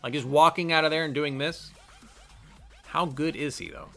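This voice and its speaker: A man's voice: a little high, normal speed, creaky, sharp tone, faint music behind. A man reading a text game aloud and thinking through his choices in a chatty let's-play style. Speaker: gamer reading and playing an interactive text game. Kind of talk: let's-play narration with casual commentary.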